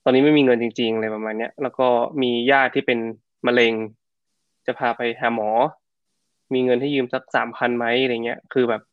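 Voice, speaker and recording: A man's voice: mid-range voice, fairly quick, no room sound, muffled recording. A middle-aged man co-hosting a casual podcast, chatty and slangy as he tells stories. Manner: chatty storyteller, slangy and animated. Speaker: podcast co-host.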